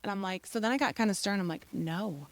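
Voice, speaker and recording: A middle-aged woman shares a personal story from the pulpit, chatty and unpolished, dropping into little acted-out quotes as she goes. Her voice sits at an ordinary pitch for a woman. The sound is close and dry, with almost no room around it. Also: racing, no echo. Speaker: church speaker.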